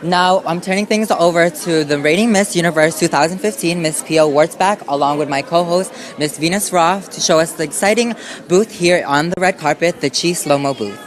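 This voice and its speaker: A man hosting a live red carpet stage in a casual, excitable and effusive way. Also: a little high, moderate pace, a faint crowd. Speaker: stage host.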